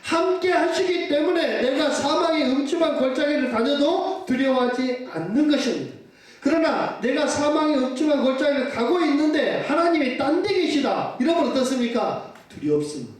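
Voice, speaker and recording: A man's voice: very high-pitched, animated, normal speed. A male pastor preaching a sermon. He questions his congregation and answers himself, and urges them to say amen. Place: church sanctuary. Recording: echoey church hall from far off.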